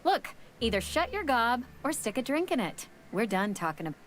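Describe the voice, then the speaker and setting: A woman's voice: a little high, sing-song, moderate pace, fairly bright tone, slight background noise. An actress voicing a brusque, wary woman bartender from a company frontier town in a video game, with a sassy, curt and dismissive manner. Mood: irritated. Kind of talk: video game character dialogue.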